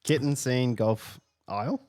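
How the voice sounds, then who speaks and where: A man's voice: mid-range voice, measured pace, darkish tone. A man co-hosting a podcast, wry and laid-back in casual chat during a word game. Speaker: podcast co-host.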